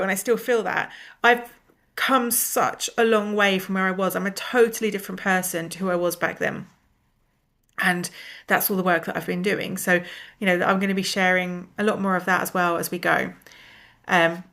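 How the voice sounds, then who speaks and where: A middle-aged woman with a blocked, nasal voice, sounding unwell and tired as she talks casually and reflectively to viewers with soft, low energy. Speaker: personal development coach and video host.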